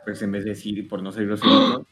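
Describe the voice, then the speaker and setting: A man's voice: on the low side, huge pitch swings, fast talker, a bit bright, faint music behind. A Mexican man making crude, silly jokes in a live-streamed group chat.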